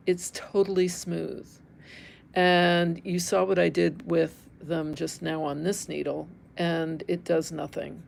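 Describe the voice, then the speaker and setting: A middle-aged American embroidery teacher from Northern California runs an informal live demo, conversational and open as she thinks aloud and talks with viewers. She speaks with a fairly low, slightly mellow voice marked by vocal fry.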